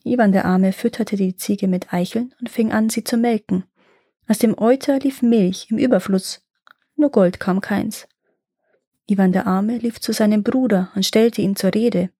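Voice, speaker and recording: A woman reading a fairy tale aloud in a calm, measured way. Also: mid-range voice, no room sound, clean studio sound. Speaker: storyteller.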